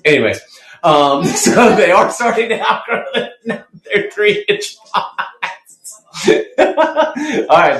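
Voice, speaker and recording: A man hosting a casual live sales stream of plants, chatty and playful, laughing often and jumping up high when excited. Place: indoor room with plants. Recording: echoey room.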